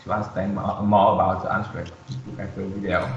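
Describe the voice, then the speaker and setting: A man gives his part of a class presentation, stopping and restarting as he goes. His voice is fairly low. The recording is dull and echoes in the room. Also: flat delivery, slight background noise. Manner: halting, with restarts. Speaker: student presenter.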